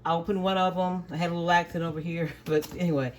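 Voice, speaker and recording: Speaking rapid-fire in a fairly low, level voice, a middle-aged woman hosts a home cooking video in her kitchen with dogs around. She firmly tells them to stop barking and then lays out each step plainly. The audio carries a little hiss or hum.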